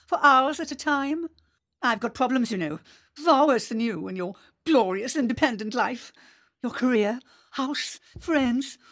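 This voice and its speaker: A woman playing a needy, self-pitying friend who pleads and whines. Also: high voice. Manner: pleading, whiny.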